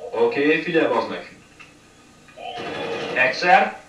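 A man's voice: mid-range voice, animated. A man giving live commentary on his own playthrough of a shooter game, swearing constantly and breaking into frustrated outbursts. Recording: echoey room, mic far off, faint noise.

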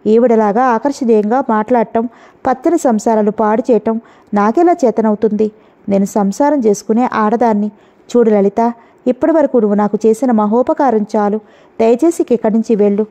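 A woman's voice: on the high side, fairly quick, natural voice. A woman voicing a bitter jealous young wife. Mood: scornful. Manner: sharp, sarcastic taunts. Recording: dull lo-fi audio.

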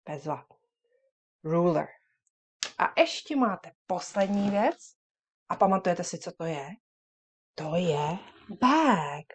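Animated woman teaching children. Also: on the low side, slightly rough. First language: Czech. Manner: lively, encouraging, exaggerated loud and whispered drills. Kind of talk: children's lesson video with repetition drills.

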